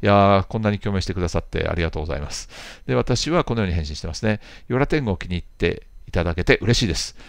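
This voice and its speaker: A man's voice: low voice, lively intonation, rapid-fire, creaky, hardly any pauses, no echo, clean studio sound. A man in his fifties, host of a jazz channel, reading out viewer comments and answering them in a rambling, chatty way with playful asides.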